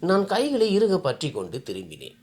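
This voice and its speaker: A woman narrating a heartfelt first-person family story in an expressive storytelling style. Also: low voice, moderate pace.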